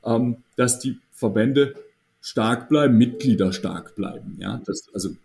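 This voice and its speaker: A man's voice: mid-range voice, measured pace, vocal fry, darkish tone. A man speaking as an association's managing director in a podcast interview, thoughtful and hesitant, with many fillers and restarts.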